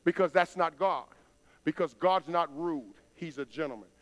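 A middle-aged man preaching in a church, chatty and plain, then building to loud, emphatic outbursts. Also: on the high side, moderate pace, dull audio. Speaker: pastor. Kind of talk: sermon. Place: church sanctuary stage.

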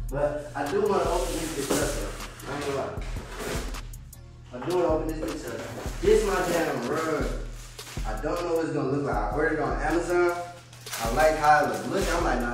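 An American vlogger in his twenties, his voice a little high, walks viewers through a small empty apartment in relaxed, slangy talk, repeating phrases for emphasis. He's recorded from a distance off-mic on a handheld camera a few steps away, amid echo and background music.

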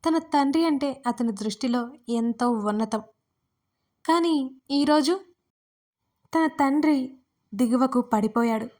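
A woman narrating a romantic audio story in an expressive, emotional way. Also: high-pitched, slow, long pauses.

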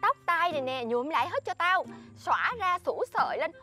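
A woman's voice: extremely high pitch, animated, moderate pace, pushed and bright, soft background music, full character voice. An actress playing a bossy, scheming woman who lectures and scolds her friend with dramatic exclamations in a comedy sketch. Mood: boastful.

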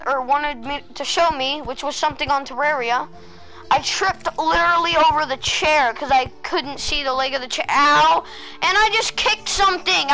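A high, bright young woman streams a game from a dark room at home, faint music behind her. She bosses and teases her friend in casual chat, exasperated and quick to scold. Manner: bossy, teasing and exasperated, with frequent "dude" and "literally". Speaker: gaming streamer.

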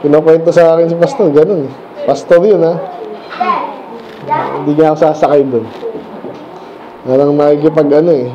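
A man preaching a sermon as pastor, asking the congregation questions and reading scripture slowly before explaining it casually. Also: on the high side, steady tone, muffled recording, background noise. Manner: reads scripture slowly, then talks fast and casually.

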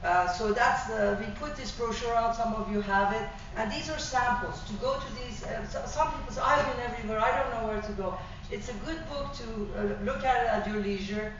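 A middle-aged woman from Iran with a Persian accent, giving an animated sales presentation about private travel to a small audience. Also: on the high side, fairly quick, noisy background. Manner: animated, gesturing, with frequent fillers and restarts. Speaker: tour operator presenter. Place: small function room. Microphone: far room camera. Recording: distant, echoey, dull room recording.

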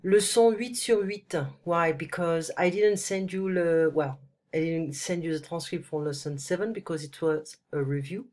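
Speaking at normal speed with a deep, darkish tone, a woman tutors French in a voice-over screen recording made on a computer mic. Though congested from a cold, she explains patiently one-on-one, moving between French and English and often adding "ok?"

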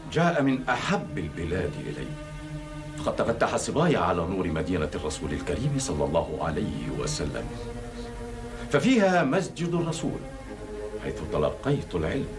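A middle-aged man playing a pious, humble but firm caliph in a classical Arabic historical drama, speaking in a solemn, formal way. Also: low voice. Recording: dated TV drama soundtrack with music.

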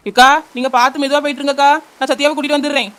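A woman voicing a brave, kind young aunt in a cartoon, speaking briskly and reassuringly. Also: high-pitched, little pitch movement, a bit bright. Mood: determined. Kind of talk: cartoon voice acting.

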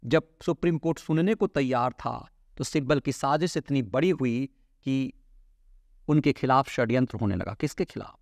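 A middle-aged man hosting a political commentary show, talking emphatically to camera from a studio desk with big swings in pitch and sharp drops at the ends of phrases. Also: normal speed, vocal fry, no room sound. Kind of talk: opinionated news commentary to camera. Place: indoor studio with virtual set. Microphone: lapel mic, seated at desk.

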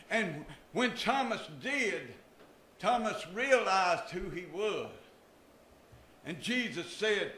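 A man's voice: high-pitched, bright, forceful tone. An older man preaching a sermon from a church pulpit, with emphatic rises and drops in his voice. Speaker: pastor. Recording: echoey church room.

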